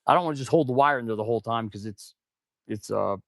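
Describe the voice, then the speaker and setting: A man's voice: medium pitch, quick pace, vocal fry, fairly bright tone, no room sound. A man livestreaming casually as he works as a mechanic, rambling informally, breathing heavily through his mouth with a stuffy nose. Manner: audible heavy mouth breathing; rambling, informal, addresses viewers as "man" and "guys". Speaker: livestream host and auto shop mechanic. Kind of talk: casual livestream chat while working.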